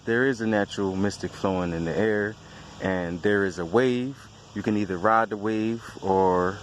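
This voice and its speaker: A man giving an informal spiritual talk in the manner of Rastafari reasoning, preaching in measured phrases as a spiritual speaker. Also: on the low side, slight background noise.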